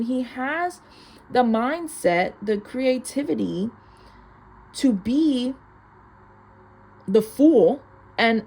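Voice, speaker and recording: A woman's voice: fairly high pitch, darkish tone. A young woman giving a casual, rambling mystical tarot reading in an informal, chatty way, saying "like" a lot. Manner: chatty, informal mystical card interpreter with heavy use of "like". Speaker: tarot card reader. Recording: clear background noise.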